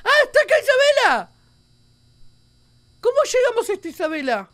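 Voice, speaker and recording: A woman with an Argentine accent, a gaming YouTuber doing let's play commentary, excitable, often shrieking and laughing, with a sore throat. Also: extremely high pitch, normal speed. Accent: Argentine Spanish.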